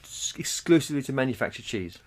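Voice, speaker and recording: A man chatting casually as a podcast co-host. He swears freely and slips into animated retellings, with a middle-of-the-road pitch. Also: quick pace. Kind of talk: casual chat.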